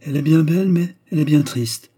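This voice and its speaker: A man's voice: a little high, dark tone, husky, pitched above the performer's own voice. A man doing a dazed girl in a trance. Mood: dreamy. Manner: dreamy, halting trance speech.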